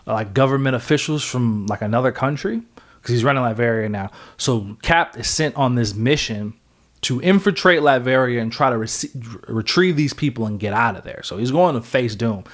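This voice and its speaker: A man with a mid-range voice talks through a comic plot in a loose, casual podcast chat. He rambles, leans on fillers and keeps backtracking to fix details. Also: medium pitch. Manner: rambling, filler-heavy, self-correcting storytelling. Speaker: podcast co-host.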